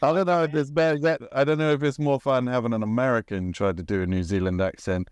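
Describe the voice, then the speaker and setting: A man's voice: mid-range voice, fairly even intonation, quick pace, smooth, no echo. A man appearing as a guest game designer, joking and teasing the hosts in a casual chat.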